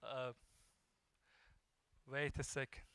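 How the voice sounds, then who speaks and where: A man hosting a live event and introducing speakers in a halting, hesitant way with pauses. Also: mid-range voice, little pitch movement, pushed and bright, smooth, dry recording.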